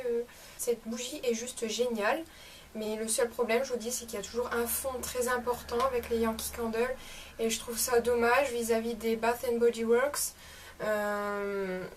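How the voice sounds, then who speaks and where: Young woman vlogger, bright higher voice, chatty product review, mic a bit distant with faint hiss. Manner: chatty, enthusiastic, many fillers. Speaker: beauty vlogger. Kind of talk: casual product review vlog. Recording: slightly distant mic with faint room noise.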